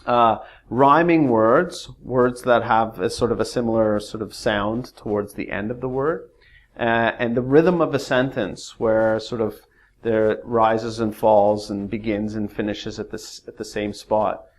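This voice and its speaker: A man's voice: fairly low pitch, steady tone, measured pace. A man teaching a casual English pronunciation lesson, rambling and hesitant with many fillers. When reading verse, he uses exaggerated rises and falls.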